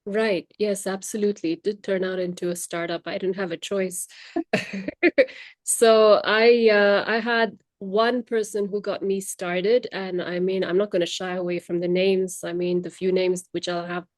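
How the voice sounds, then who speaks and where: In a casual interview set in Luxembourg, a young Tamil woman reflects chattily on her work as a language trainer, with fillers and restarts along the way. Her mid-range voice shows little pitch movement at a normal pace. The recording is dry.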